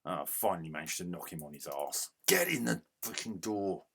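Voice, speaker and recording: A man giving casual gameplay commentary as a retro game reviewer, grumbling in exasperation and yelling at the game. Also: low voice, big pitch swings, fairly quick, vocal fry, breathy edge.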